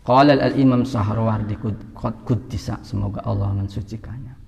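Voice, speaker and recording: A man delivers a religious teaching in a gravelly, mellow voice, asking questions and answering them himself. His pitch leaps up to stress points. The sound carries a long reverb, as in a hall. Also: fairly even intonation, moderate pace. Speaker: preacher.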